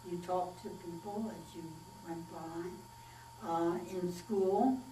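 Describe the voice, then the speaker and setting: A woman in her nineties, recalling her childhood in a slow, plainspoken oral history interview. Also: lowish voice, fairly even intonation, mellow. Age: 90s. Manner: unhurried, plainspoken storytelling with pauses and fillers. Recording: echoey room, distant mic, faint mains hum.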